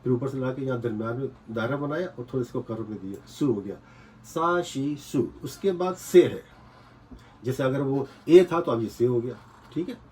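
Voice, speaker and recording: A man's voice: medium pitch, moderate pace, darkish tone, slight background noise. A man teaching a casual whiteboard lesson, patiently repeating points and checking that students follow. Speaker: language teacher.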